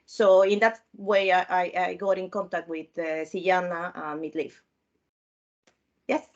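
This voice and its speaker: A woman's voice: on the low side, little pitch movement, a little slow, a little mellow, dull audio. A woman from Peru speaking as a panel guest, with frequent fillers and restarts as she tells her story. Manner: hesitant, many fillers and restarts. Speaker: panel guest, former mentee. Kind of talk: casual panel talk.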